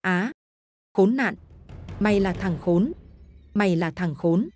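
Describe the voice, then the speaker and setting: A woman's voice: medium pitch, slow, darkish tone, faint music behind, close to an everyday voice. A woman voicing a wounded young man screaming in pain and calling for help, in a horror story.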